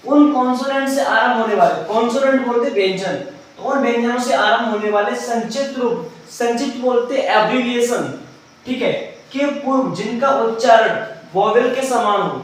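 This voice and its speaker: High-voiced male teacher in echoey room. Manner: asks his own questions and answers them; explains step by step, mixing in English terms. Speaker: English grammar teacher. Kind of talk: classroom lesson. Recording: very echoey room, mic far off, faint noise.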